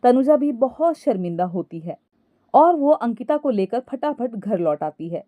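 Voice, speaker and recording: A woman storyteller narrating a scripted moral story in a calm way, addressing listeners as friends. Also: a little high, moderate pace, dry recording, narrow, tinny audio.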